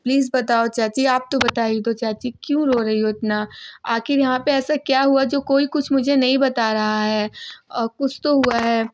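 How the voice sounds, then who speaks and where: A woman voicing a worried young married woman who keeps pleading to be told what happened, slower than her narration. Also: fairly high pitch, steady tone, highs cut off, natural voice.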